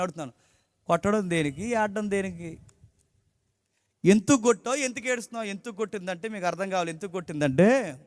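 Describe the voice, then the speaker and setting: A man's voice: high voice, no echo, studio quality, big-room sound. A man preaching a sermon emphatically, often putting questions to the congregation. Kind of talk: Telugu sermon.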